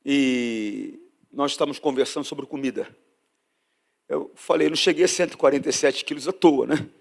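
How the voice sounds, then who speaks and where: A man preaching a sermon as pastor, drawing out scripture and rising to loud, emphatic peaks. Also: mid-range voice, creaky. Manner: preaching with sudden loud emphatic rises and drawn-out scripture reading.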